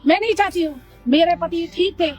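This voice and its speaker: A woman's voice: very high voice, brisk, a little mellow, faint music behind. A woman acting a hurt wife who refuses to let her younger sister stay in her home. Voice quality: firm, refusing. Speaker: actor in a short skit. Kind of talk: scripted family drama skit.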